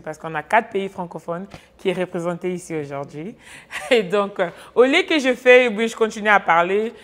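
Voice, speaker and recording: A young woman hosting a talk show, mixing French and English and laughing often. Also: on the low side. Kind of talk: casual hosted chat.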